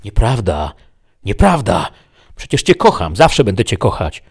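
A man playing a dazed nightmare-trapped guy, very low, husky, agitated, horror story. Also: sing-song, moderate pace, a little mellow, full character voice. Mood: desperate. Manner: agitated, pleading.

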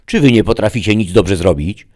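A man voicing a cold, imperious male alien lord in an audiobook, with a slow drawl. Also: very deep voice, steady tone, darkish tone. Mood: menacing. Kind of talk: audiobook character voice.

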